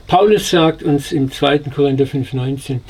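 A man's voice: medium pitch, normal speed, a little mellow, breathy edge. A man preaching a devotional sermon, earnest and consoling, speaking straight to the listener.

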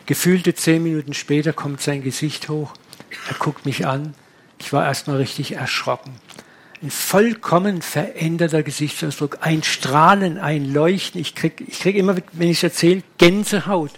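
A man preaching, telling a personal testimony in a lively storytelling manner. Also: fairly high pitch, moderate pace. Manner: animated storytelling, acting out dialogue.

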